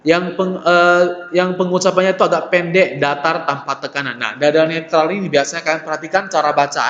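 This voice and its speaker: A male teacher giving a lesson on Mandarin tones. He talks patiently, repeats syllables slowly and keeps checking in with his students. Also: a little high, fairly bright tone. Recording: echoey, dull, lo-fi room recording with long reverb.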